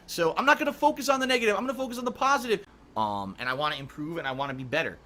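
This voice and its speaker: A middle-aged man chatting casually on a livestream, reading viewer messages, rambling with frequent restarts and throat clearing. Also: high-pitched, rapid-fire, sharp tone, slight background noise. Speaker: streamer.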